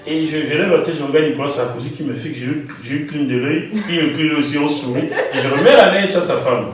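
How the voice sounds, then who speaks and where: A man from Gabon, a guest in an interview, telling his story in an animated way and repeating words as he recalls details. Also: a little high, fast, very echoey, recorded from a distance, slight background noise, low-quality recording.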